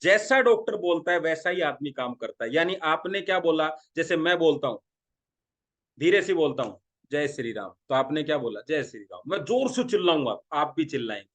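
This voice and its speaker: Middle-aged male sales trainer from India, slightly high voice, rhetorical questions and acted-out dialogue. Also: expressive, a little fast, a bit bright. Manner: talks through role-played dialogues, asking the audience questions. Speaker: direct selling trainer. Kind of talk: motivational sales training talk.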